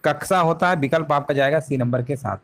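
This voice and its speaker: A male teacher with a somewhat high voice leads a live online exam-prep class. He walks through each question step by step, repeats the answers, and keeps asking rhetorical questions. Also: fairly quick.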